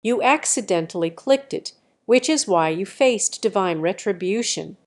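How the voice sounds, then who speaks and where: A woman's voice: mid-range voice, lively intonation, moderate pace, lightly acted. Sly old healer, read by a woman. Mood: scolding. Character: sly, scolding old male country healer.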